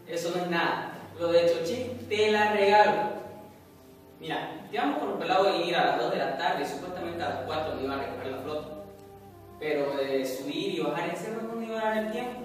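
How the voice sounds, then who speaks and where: A man with a Bolivian accent telling a brisk, slangy comic story on stage. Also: high-pitched. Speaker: acting student. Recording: echoey hall, far from mic, music behind.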